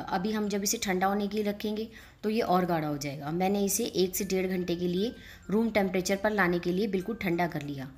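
A woman hosting a cooking channel, calmly explaining each step of a recipe in a voice-over and speaking straight to the viewers. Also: mid-range voice. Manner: calm step-by-step instructing, addressing viewers directly.

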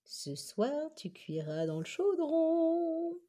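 A woman voicing a gloating, sly male fox in a storybook, with a drawn-out, gloating delivery. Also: lowish voice, very animated, warm tone.

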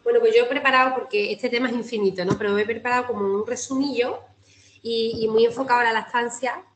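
Over music, a fast-talking woman with a fairly high, steady voice addresses a breastfeeding group on a video call. She's a physiotherapist with a Spanish accent, and her informal talk is warm and chatty, peppered with "¿no?" tag questions and frequent restarts.

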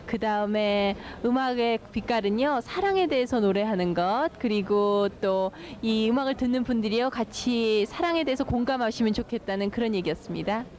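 A woman interpreting between Korean and English in a hotel lounge, speaking quickly and politely. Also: fairly high pitch, darkish tone. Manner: rapid, fluent, polite.

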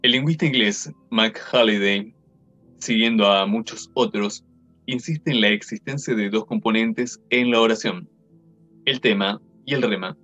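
A young man slowly reading an academic linguistics text aloud word for word, carefully sounding out foreign example sentences, recorded at his desk on a webcam. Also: lowish voice, bright, forceful tone, lo-fi sound, faint music behind. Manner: slow, measured, reads foreign examples carefully. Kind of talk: slow verbatim reading of a textbook.

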